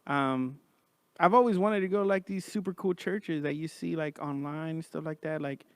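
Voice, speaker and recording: A man's voice: fairly high pitch, moderate pace, dry recording. A man hosting a podcast in a casual, informal chat, talking like he's among his bros. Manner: informal, says man and bro often. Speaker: podcast host.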